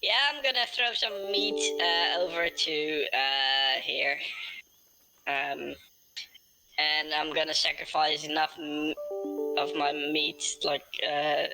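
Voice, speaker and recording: A tabletop game player talking through a voice changer, in halting, hesitant casual chat. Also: mid-range voice, fairly even intonation, vocal fry, sharp tone, soft background music, low-quality recording.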